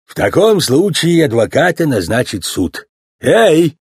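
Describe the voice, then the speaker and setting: A strict male sheriff police car calls the court to order in a storybook, as a man voices him. He speaks formally and loudly, with a husky tone and lively rises in pitch. The sound is dry and close. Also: unhurried, dry recording, heavily acted. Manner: formal, loud announcing.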